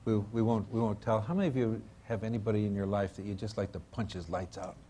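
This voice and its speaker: A man's voice: lowish voice, quick pace, mellow, slight background noise. An older man giving an informal religious lecture in a rambling, professorial manner, trailing into asides and hesitant repetitions.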